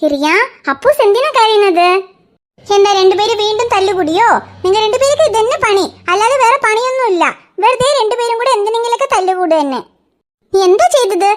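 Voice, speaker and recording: A fussing cartoon mother, played by a woman who scolds in an exasperated way. Her voice sits extremely high and squeaky, almost childlike. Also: expressive, fairly quick. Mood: scolding. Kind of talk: cartoon voice acting.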